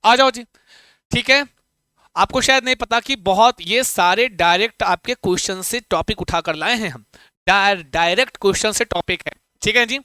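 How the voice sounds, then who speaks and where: High, bright-voiced male Sanskrit teacher. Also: clean tone, no echo. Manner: coaxing, asks students questions; chants Sanskrit verse slowly. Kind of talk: online exam-prep lesson.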